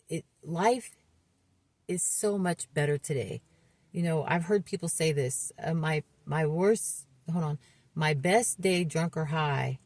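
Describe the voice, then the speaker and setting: Low-voiced woman in her fifties, earnest. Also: a little mellow, no echo. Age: 50s. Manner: earnest, halting, many restarts and fillers. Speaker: recovery vlogger. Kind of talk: candid personal testimony.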